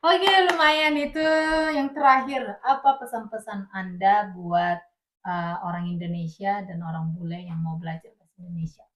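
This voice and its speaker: A woman's voice: lowish voice, steady tone, normal speed, fairly bright tone, rough recording. A woman hosting a podcast interview in a casual, conversational way. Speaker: podcast host.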